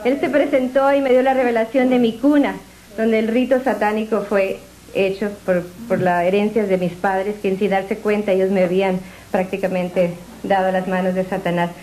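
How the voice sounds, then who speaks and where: A woman giving an emotional religious testimony at church, earnest and halting, often restarting her sentences. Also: medium pitch, little pitch movement, dark tone, low-quality recording.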